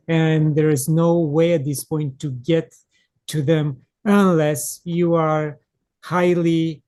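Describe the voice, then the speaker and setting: A man hosting a podcast in English. His voice sits a little high for a man and sounds close and dry, with no room behind it. He talks in a measured, earnest way and pauses often to find his words. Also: a little mellow, no room sound. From Romania. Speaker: podcast host. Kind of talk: conversational interview.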